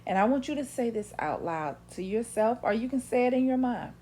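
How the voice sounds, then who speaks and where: A woman's voice: fairly high pitch, expressive, brisk, mellow, slight background noise. A woman teaching a motivational self-help routine, speaking emphatically, repeating her points and checking in with the listener. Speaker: manifestation coach.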